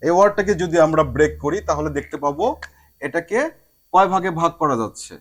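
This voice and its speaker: A man teaching a spoken lesson, mixing English phrases into his speech and drawing out each example word slowly. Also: on the high side. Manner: slow drawn-out word demonstrations.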